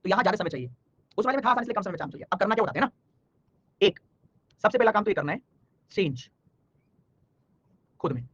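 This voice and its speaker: Fast-talking, high-voiced male teacher. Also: sing-song, fairly bright tone, husky, no room sound, muffled recording. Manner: fast, scolding-jokey teacher talk, addresses students by name. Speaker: online exam-prep teacher. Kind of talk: live online reasoning class.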